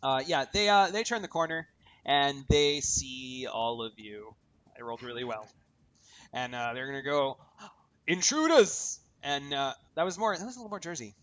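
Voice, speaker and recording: A man's voice: medium pitch, normal speed, a bit bright. A man narrating as game master in a casual tabletop session, chatty and full of fillers. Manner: chatty, many fillers, laughing at himself.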